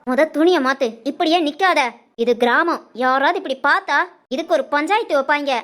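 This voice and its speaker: A woman voicing a fussy village mother hurrying her daughter in an animated family story, with a southern Tamil Nadu accent and a scolding, nagging manner. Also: high-pitched, a little fast. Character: fussing village mother of the bride.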